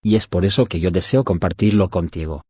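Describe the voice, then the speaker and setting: A man narrating a devotional audiobook in an even, measured reading style. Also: deep voice, slightly rough, no room sound, dull audio. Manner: even, measured reading that voices punctuation aloud.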